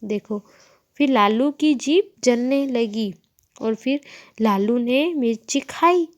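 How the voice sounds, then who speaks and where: Slow-talking woman teacher reading a lesson. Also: on the high side. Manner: asks questions and answers them herself, frequent tag questions. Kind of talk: reading a textbook lesson to children.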